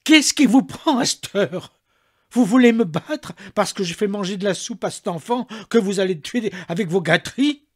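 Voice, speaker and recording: A man's voice: sits high, lively intonation, moderate pace, pitched above the performer's own voice. A man voicing a furious old female servant who screams and stammers at her master. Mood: furious shrieking. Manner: shrieking, stammering rage.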